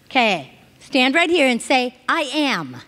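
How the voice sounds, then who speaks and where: A middle-aged reverend from Hawaii gives an informal Sunday talk to a congregation in a large indoor spiritual center, and the hall sound is reverberant. Her voice is high and her pace measured as she teaches animatedly, frequently checking in with listeners.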